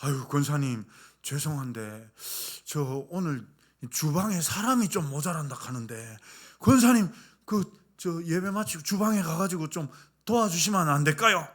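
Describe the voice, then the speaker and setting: A man's voice: on the high side, animated, moderate pace. Man playing a polite, deferential church elder. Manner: soft, deferential.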